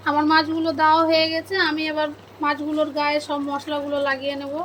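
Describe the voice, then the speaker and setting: A woman narrating a cooking video step by step, calmly addressing viewers as friends. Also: high voice, fast talker, slight background noise. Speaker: cooking channel host.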